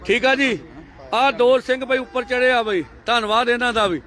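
A live-stream reporter at a farmers' convoy gives brisk, energetic commentary outdoors beside a highway among tractors. Filming on a handheld phone, he keeps urging viewers to share.

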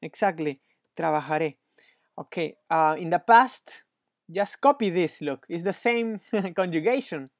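A man's voice: high voice, animated, measured pace, dry recording, studio quality. A man tutoring Spanish one-on-one, patient and encouraging, praising often, with slightly non-native English phrasing. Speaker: Spanish teacher.

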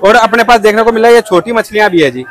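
A man's voice: sits high, quick pace, crowd noise. A man hosting a market-price video, politely interviewing people at an outdoor street market with many short acknowledgements.

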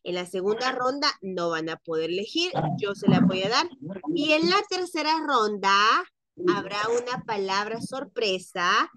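A woman's voice: medium pitch, very animated, a little slow, a bit bright, no echo. A woman teacher running a class spelling contest, spelling words out letter by letter in a patient, encouraging way. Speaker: French teacher.

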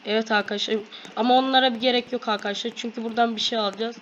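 A woman hosting a gaming video, giving excited play-by-play to her viewers and shouting quick commands during fights. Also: fairly high pitch, dull audio. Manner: addresses viewers constantly. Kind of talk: excited gameplay commentary. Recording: loud background noise.

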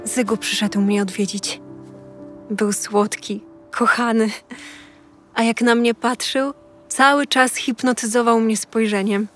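Woman reading a diary real slow, soft and dreamy, kinda high voice, faint music behind. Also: steady tone. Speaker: diary reader. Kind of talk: slow, emotional literary reading.

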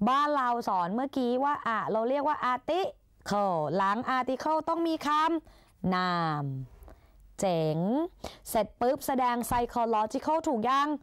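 A woman's voice: sits high, animated, slow pace, smooth, no room sound, studio quality. A young woman tutoring exam English in a chatty, playful way, casting herself as an older sister who coaxes her students along. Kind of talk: Thai exam-prep lesson.

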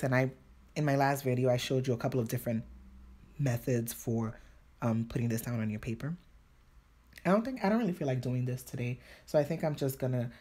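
Speaking with a deep bass voice and a darkish tone, this painting tutorial host chats and laughs often while working at her painting desk at home. She's from New York City, Spanish is her first language, and her New York accent shows Dominican Spanish influence.

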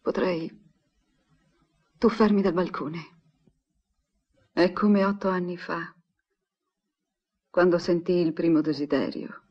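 Anguished young woman, slow husky voice, dull old film sound. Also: on the low side, steady tone. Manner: intimate, anguished, confessional. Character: troubled young woman pining for her professor. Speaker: troubled young woman on the phone. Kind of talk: 1960s Italian film dub.

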